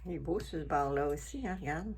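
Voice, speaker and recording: Chatting casually while she assembles a collage, a Québécois French-accented artist thinks aloud for herself and her viewers in this craft vlog. Her voice sits low with a darkish tone, and she talks briskly over slight background noise.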